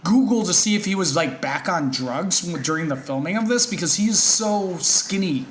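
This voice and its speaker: A man's voice: high-pitched, moderate pace, slight background noise. A man co-hosting a podcast, chatting casually and reading from his notes. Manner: relaxed, reads from notes. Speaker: podcast co-host. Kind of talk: casual chat.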